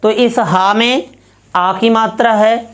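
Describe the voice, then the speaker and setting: A woman's voice: a little high, fairly even intonation, takes it slowly. A woman teaching Sanskrit grammar, walking through each step methodically and repeating herself as she works an example.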